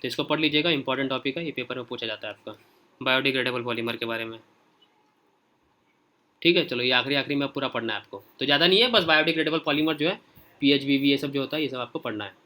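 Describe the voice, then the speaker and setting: A man leads a casual online lesson with a bright, forceful voice. He talks straight to his students and checks in often as he moves through the pages. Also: medium pitch, quick pace. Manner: informal, repeats "okay" often while scrolling through pages; speaks directly to students. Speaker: teacher. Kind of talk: casual screen-share lesson.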